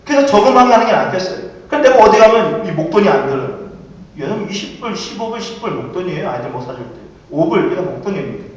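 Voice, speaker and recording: A middle-aged male pastor preaches, his voice ranging high and animated as he asks rhetorical questions and swings from hushed to loud. He is heard from some distance in a church with long, heavy reverb. The recording is dull and muffled. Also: fast talker. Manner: storytelling with rhetorical questions, dramatic swings in volume. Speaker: senior pastor. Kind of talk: sermon. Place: church sanctuary.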